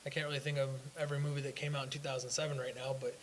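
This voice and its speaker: A man's voice: mid-range voice, flat delivery, racing, low-quality recording. A young man co-hosting a casual fan talk show, rambling through his opinions with restarts. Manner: rambling, hesitant with fillers and restarts. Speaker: co-host. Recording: faint hiss.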